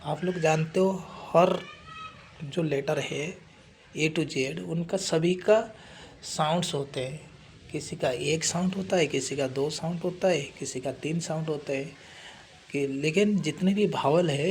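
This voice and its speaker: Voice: mid-range voice, a little slow, a little mellow, a little hiss or hum. A phonics teacher giving a spoken lesson, explaining step by step, asking teaching questions and spelling out letters before repeating each example word.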